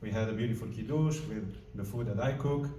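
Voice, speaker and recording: Speaking in an echoing, large community hall, this Frenchman is a diplomat addressing a live audience in an earnest, informal way while hunting for words. His pitch is fairly low and his delivery fairly quick. Heavy noise fills the audio, captured by a far-off mic in the roomy space.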